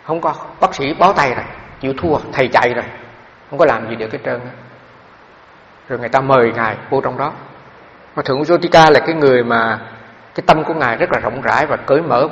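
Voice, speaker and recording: A man's voice: mid-range voice, fairly bright tone. A middle-aged man, a Buddhist monk, giving a dharma talk in a loose storytelling way full of fillers. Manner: conversational storytelling with frequent fillers. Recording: echoey hall, dull lo-fi sound.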